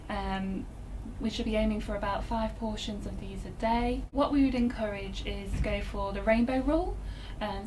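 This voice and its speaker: A woman dietitian gives expert advice in a calm, measured, explanatory tone, with the odd "um." Her voice is mid-pitched. Clear background noise runs under the recording. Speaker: specialist dietitian. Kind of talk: expert explanation for an information video. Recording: interview with noticeable background noise.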